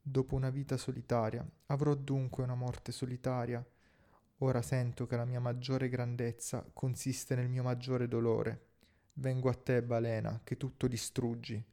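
A man's voice: mid-range voice, dark tone, lightly acted. A man voicing an obsessed, proud old sea captain in grand, declaiming speeches.

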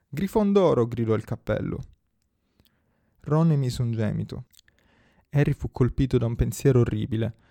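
A man narrating a story aloud in a steady, measured reading style. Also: medium pitch, gravelly, no echo, studio quality. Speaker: audiobook narrator.

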